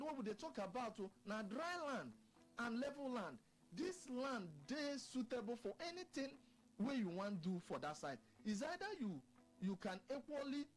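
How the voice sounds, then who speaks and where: A woman with a Nigerian Pidgin accent giving a persuasive, emphatic radio sales pitch, repeating herself to press the point. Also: poor audio. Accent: Nigerian Pidgin, Port Harcourt area. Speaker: estate sales presenter.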